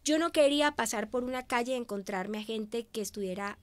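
Woman from Venezuela, interview guest, slightly high voice, expressive storyteller. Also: fairly quick, no room sound. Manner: expressive, emotional, acts out her own past words. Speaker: guest, media professional.

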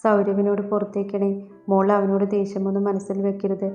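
A woman voicing a frail, dying old grandfather who speaks in a weak, halting, pleading way in an audiobook story. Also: mid-range voice, completely flat delivery, close to an everyday voice. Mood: tender. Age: older. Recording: echoey, dull lo-fi with soft music.

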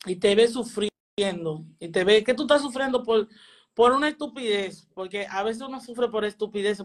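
A woman, a spiritual teacher telling a personal testimony and earnestly repeating phrases for emphasis. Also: mid-range voice.

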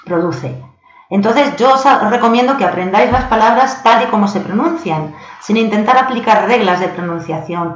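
Spanish woman, English teacher, patient online lesson, roomy echo, dull lo-fi sound. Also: medium pitch. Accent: Spanish from Spain. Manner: patient, slows down to read example sentences; checks in with learners often. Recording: echoey, dull lo-fi home recording.

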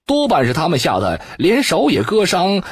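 A loud, jeering male martial artist from a wuxia audiobook, as a man puts him on. He talks high and boisterous, swinging widely in pitch. The voice is strongly husky, with a dry, close sound. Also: wildly swooping pitch, normal speed, dry recording, full character voice. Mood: mocking.

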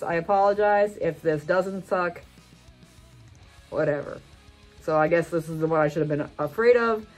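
A woman's voice: fairly low pitch, darkish tone. A woman in her thirties talking casually to camera in a wry, unpolished way as she does a food challenge. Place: furnished room at home, indoors. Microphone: camera on the desk, about arm's length.

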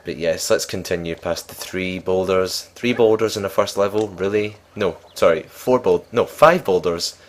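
A man's voice: sits low, moderate pace, few pauses, a little hiss or hum. A young man casually commenting on his gameplay as a let's play host, rambling and joking at his own expense. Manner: chatty, rambling, self-mocking.

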